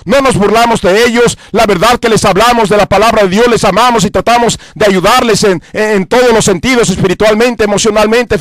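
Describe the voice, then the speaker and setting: In a radio studio, a Mexican pastor with a high, fairly bright voice gives an earnest sermon, repeating himself and listing his points emphatically. There is no echo.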